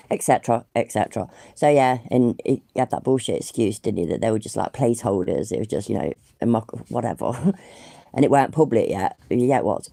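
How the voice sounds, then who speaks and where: With a cold clogging her nose, this woman runs a casual phone livestream full of chatter, free swearing and self-mockery. The voice is bass, creaky and mellow, captured with clean studio sound and no room sound.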